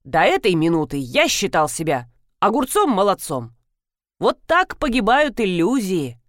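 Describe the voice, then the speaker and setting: A woman's voice: mid-range voice, very animated, a little slow, dry recording. A woman reading an audiobook, voicing a dry, self-mocking middle-aged man.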